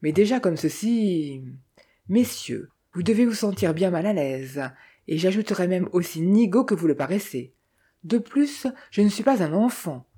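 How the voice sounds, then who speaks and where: A reader voicing a cultivated gentleman thief who talks with cool, scornful irony. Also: medium pitch, lively intonation, normal speed, slightly rough. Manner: sardonic, coolly ironic.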